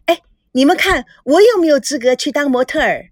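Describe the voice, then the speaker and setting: Woman playing a vain, teasing teen girl, high-pitched, storybook voice. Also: animated, fairly quick, no echo, studio quality. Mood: preening. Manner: preening, teasing. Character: vain slim teenage girl who wants to model.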